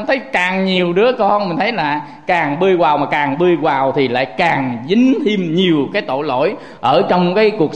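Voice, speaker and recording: A man gives a Buddhist sermon, telling lively stories and often turning to address his audience. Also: high voice. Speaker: Buddhist preacher. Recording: echoey hall with long reverb.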